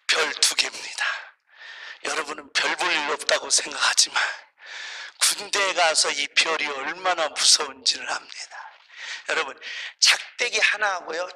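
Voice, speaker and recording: A man preaching a sermon as pastor, fervent and animated, breaking into shouted exclamations while telling stories. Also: a little high, low-quality recording.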